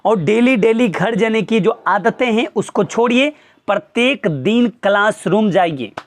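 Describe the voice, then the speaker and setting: A man's voice: sits high, lively intonation, a little slow. A man, a teacher, earnestly lecturing his students with pointed rhetorical questions. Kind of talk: motivational talk to students.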